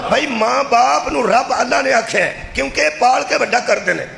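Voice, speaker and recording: A high-pitched, gravelly male preacher with a Punjabi accent delivers a fervent majlis sermon, now shouting, now dropping to confiding asides. His voice booms through an echoey loudspeaker setup with faint crowd ambience behind. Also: expressive. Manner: impassioned, shifting between shouting and low confiding asides; addresses the crowd directly with rhetorical questions. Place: religious gathering with loudspeaker. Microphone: loudspeaker microphone.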